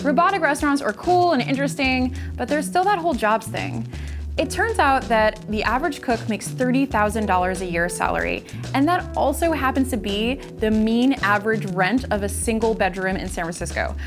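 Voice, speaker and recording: A woman's voice: on the high side, animated, normal speed, music in the background. Upbeat woman narrating a tech explainer. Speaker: video host and narrator.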